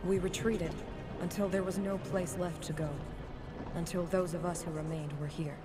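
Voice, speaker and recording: A woman's voice: on the low side, fairly even intonation, normal speed, loud music behind the voice, natural voice. An actress playing a proud, militant female dwarf spirit in a video game, with dramatic delivery. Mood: grim, sorrowful.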